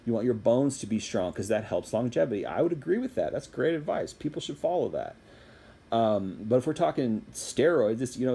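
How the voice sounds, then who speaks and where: A man's voice: on the low side, mellow. A man giving a casual, rambling opinion monologue as a fitness commentator, repeating phrases for emphasis.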